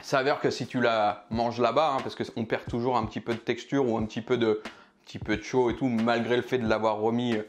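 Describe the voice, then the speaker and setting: A man's voice: mid-range voice, flat delivery, brisk, a little hiss or hum. A man reviewing pizzas for his food vlog, chatting casually and joking while he eats. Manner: chatty, jokey, eating while talking. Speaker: food vlogger.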